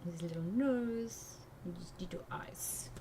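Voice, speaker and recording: Hosting an art livestream, a woman from England with a mixed English-American accent muses aloud as she teaches. She speaks slowly in a fairly low, gravelly voice, with noticeable noise behind her.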